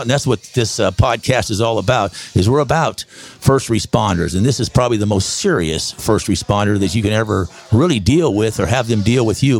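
A man in his sixties from Texas, hosting a podcast in an excitable, rambling, folksy way. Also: on the low side, vocal fry. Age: 60s. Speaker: podcast host. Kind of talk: casual promotional podcast talk.

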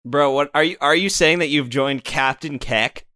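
Bright, animated young man, very close sound. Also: a little high, moderate pace, no echo. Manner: slangy, joking, crude. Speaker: podcast co-host. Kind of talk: casual chat.

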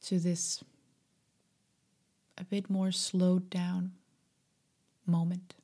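A woman guiding a meditation in a soft, breathy, half-whispered voice, gentle, soothing and unhurried. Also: lowish voice, completely flat delivery. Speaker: meditation guide. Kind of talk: slow guided meditation.

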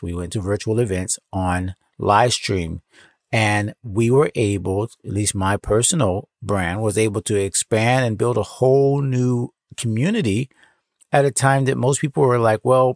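A man's voice: on the low side, creaky, no echo. A man hosting a casual podcast, talking from inside a clothes closet at home and often correcting himself mid-phrase. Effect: dry, close sound of a voice recorded inside a clothes closet. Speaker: podcast host and founder. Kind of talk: casual faith-and-creativity podcast talk.

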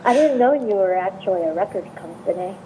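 A woman's voice: medium pitch, animated, a little fast, mellow, a little hiss or hum, poor audio. A woman calling into a radio show, speaking politely and a little hesitantly, with some uh fillers. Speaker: caller. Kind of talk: phone-in chat.

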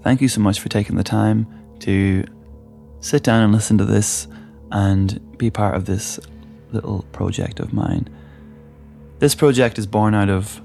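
A man's voice: on the low side, vocal fry, darkish tone. A man hosting a podcast, giving a scripted introduction over spooky music. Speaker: podcast host. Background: spooky background music.

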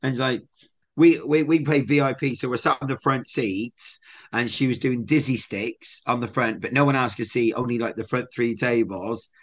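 Chatty upbeat English podcast host. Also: male voice, medium pitch, moderate pace. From England. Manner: chatty storyteller, lively and upbeat. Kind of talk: casual chat.

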